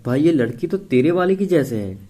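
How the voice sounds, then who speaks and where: A man's voice: fairly high pitch, expressive, a little fast, dark tone, voice pushed up. A man voicing a joking, teasing young male best friend who whines and wheedles in casual banter. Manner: whiny, bleating banter.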